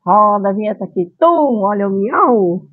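A woman's voice: medium pitch, animated, moderate pace, slight background noise. A middle-aged woman hosting a chatty vlog in a playful, cutesy streamer manner, recorded on a camera at home. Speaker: vlog channel host. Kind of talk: chatty vlog product presentation with cute Japanese greetings. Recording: dull lo-fi camera sound.

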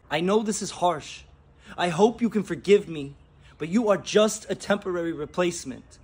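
A man in his thirties performing a spoken word poem outdoors in a backyard, dramatic, slowing and dropping to a hush on key lines, recorded by a phone camera at full-body distance. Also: high-pitched.

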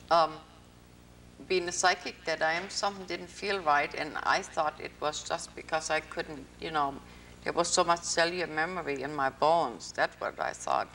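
A woman's voice: low-pitched, a bit bright, recorded from a distance, slight background noise. An older woman from North Africa hosting a public access interview in a TV studio, telling long rambling stories. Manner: chatty, rambling storyteller. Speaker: host. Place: TV studio with green-screen backdrop.

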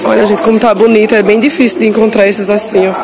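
A woman with a Northeastern Brazilian accent and a mid-range, fairly flat voice vlogs fast and casually, showing viewers clothing stalls at a busy street market and often repeating details. Loud crowd noise surrounds her, with music underneath.

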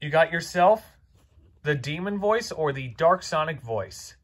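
A man talking through a software tutorial step by step, in a halting, instructional way with fillers and restarts. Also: a little high, expressive. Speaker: video tutorial maker.

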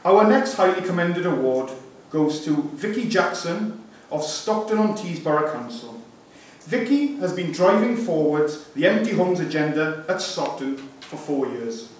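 The recording is distant and echoey, with hiss, as a camera picks up a lectern mic in an indoor conference room. There a man in his thirties, representing a sponsor, formally reads a prepared award speech. His fairly high voice is expressive and unhurried, with few pauses.

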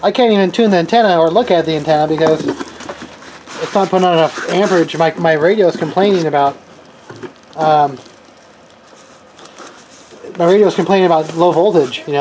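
Indoors at a cluttered desk, the host of electronics and radio unboxing videos thinks aloud during a casual, hands-on demonstration. His voice sits on the high side. The home camera recording is noisy, with clear background noise.

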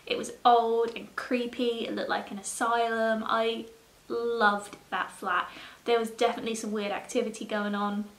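A chatty woman talks straight to her viewers, loose and profane, with a laugh never far off. Her voice sits a little high, and the room around her rings with echo. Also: little pitch movement, normal speed. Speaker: YouTuber. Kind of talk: casual vlog chat. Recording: roomy echo.

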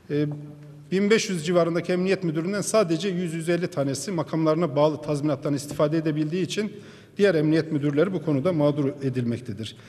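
A man's voice: sits high, darkish tone. A man addressing a parliament from a podium microphone, giving a formal speech and pressing his audience with pointed rhetorical questions. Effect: speaking at a podium microphone. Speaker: member of parliament. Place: large parliament chamber. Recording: long reverb of a large hall.

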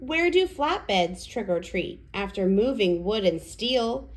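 Her medium-pitched voice swings widely in pitch and moves a little slowly. She's a woman in her thirties, a children's educational presenter and storyteller giving a toddler lesson and picture-book read-aloud in simple, exaggerated child-directed speech.

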